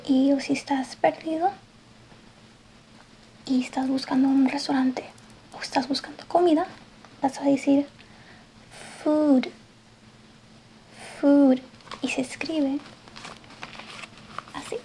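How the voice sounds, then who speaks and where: Soft-spoken woman in whispered role-play. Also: sits high, steady tone, a little hiss or hum, low-quality recording. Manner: soft-spoken, slow and patient, drifting between soft voice and whisper. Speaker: ASMR creator playing an English teacher.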